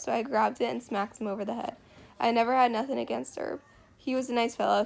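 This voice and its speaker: Blunt young parolee, plainspoken, drawling rural dialect, slightly raspy, read by a woman. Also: on the high side, darkish tone.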